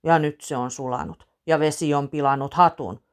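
A fussy storybook father with an oddly rough voice, loud and aggrieved, as a woman narrator voices him. He sounds put out. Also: sits low, fairly even intonation. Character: fussy father, proud of his hat.

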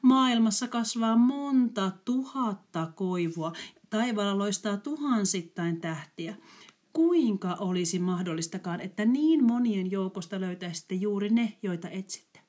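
A woman's voice: mid-range voice, lively intonation, darkish tone, voice pushed up, close to an everyday voice. A woman voicing pitying, doubtful cottage dwellers in a storybook. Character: pitying cottage folk, older villagers.

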